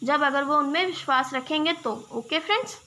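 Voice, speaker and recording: High bright-voiced woman teaching a lesson. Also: a little fast. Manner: explains step by step, keeps checking with "ठीक है"; addresses viewers as "friends", gives examples. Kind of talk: exam-prep lecture.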